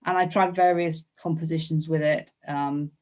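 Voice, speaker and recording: Over an online video call, a woman is interviewed as an illustrator and talks casually about her work. Her deep voice keeps a steady tone at normal speed as she thinks aloud, hesitating and repeating phrases.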